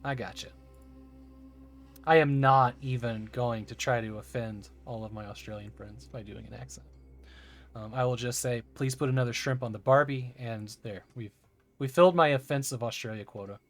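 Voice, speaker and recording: A man's voice: mid-range voice, normal speed, soft background music. A man streaming a game, chatting casually and enthusiastically with laughing asides. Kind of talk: casual live-stream chat while playing.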